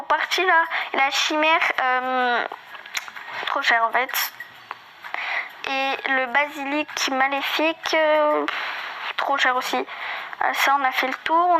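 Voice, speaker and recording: Bright high-voiced woman chatting. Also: a little hiss or hum, poor audio. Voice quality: slight lisp. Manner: hesitant, many fillers and restarts. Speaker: gaming video creator. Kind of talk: casual game walkthrough commentary.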